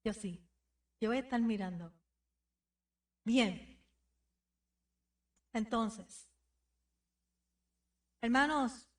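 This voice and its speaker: High-voiced woman preaching a sermon. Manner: exhorting, addresses the congregation directly with repeated phrases. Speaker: pastor. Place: church sanctuary. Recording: voice somewhat distant from the mic.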